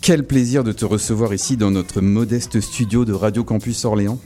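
A man's voice: lowish voice, fairly even intonation, normal speed, warm tone, soft background music. A man hosting a radio show, joking and teasing as he welcomes a guest. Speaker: radio host. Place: small radio studio.

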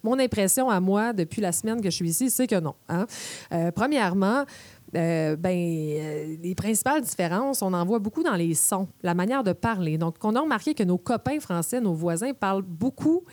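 A woman with a Québécois accent talks on the radio in a playful, chatty way, explaining with examples. Her voice is warm and mellow. The recording is dry and close. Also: mid-range voice, lively intonation, normal speed, no echo. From Quebec. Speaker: radio columnist.

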